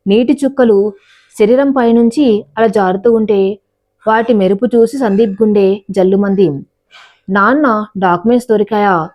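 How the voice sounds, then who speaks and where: A woman reading a scripted family story aloud in a steady, even narration. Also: mid-range voice.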